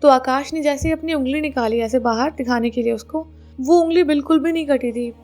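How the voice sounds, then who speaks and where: A woman's voice: high-pitched, brisk, a little mellow, soft background music. A woman narrating a spooky story in a conversational way, mixing English words into her telling.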